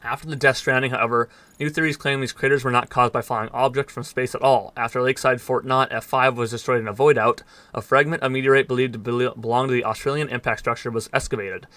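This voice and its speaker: Here a man who does gaming let's plays speeds through in-game dialogue for his viewers, his mid-range voice bright, crisp and steady. The recording is close and dry, without any room sound. His quick reading stumbles slightly at times, broken by dry asides.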